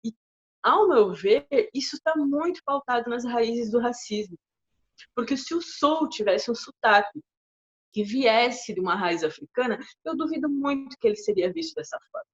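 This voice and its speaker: A woman in her thirties from southern Brazil, co-hosting a casual chat and telling a story in a chatty, animated way. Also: a little high, normal speed, slightly rough. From far west of Santa Catarina, Brazil. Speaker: co-host. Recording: dull lo-fi audio.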